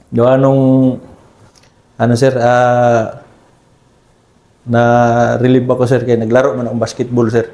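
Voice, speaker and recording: In a conversational interview, an army scout ranger team leader calmly relates his combat experiences, his mid-range, mellow voice delivered completely flat. He's deferential throughout, tagging "sir" onto nearly every phrase. The sound has a roomy echo.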